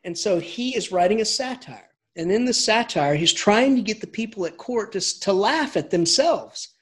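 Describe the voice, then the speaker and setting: An English professor's lecture comes across as informal and energetic, with the man often beginning sentences again and chuckling through his tangents. His voice sits high, and he talks at normal speed.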